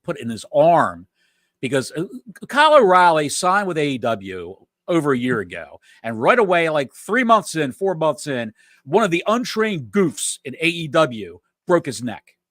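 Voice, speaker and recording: A man's voice: on the high side, very animated, normal speed, a bit bright, dry recording. A man co-hosting a podcast, explaining things in a dry, matter-of-fact way in casual chat. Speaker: podcast co-host.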